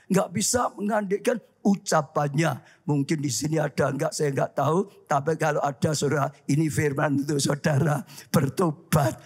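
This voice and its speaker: A male pastor preaching a lively sermon, often calling out to the congregation. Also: fairly high pitch, breathy edge. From Indonesia. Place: church hall.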